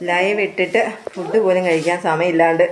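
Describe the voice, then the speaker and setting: A woman's voice: fairly low pitch, fairly even intonation, brisk. A woman in her thirties, a vlogging mother, chatting casually to her viewers while calling out to her children on an outdoor walk. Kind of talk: casual family vlog, walking and chatting. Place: outdoors on a rural road. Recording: outdoor background noise.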